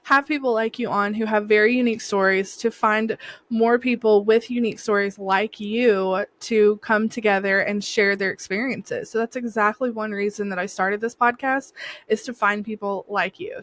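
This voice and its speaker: A woman's voice: mid-range voice, normal speed, a bit bright, dry recording. A woman hosting a podcast, introducing her guest in a friendly, encouraging way and repeating herself. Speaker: podcast host. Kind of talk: casual interview conversation.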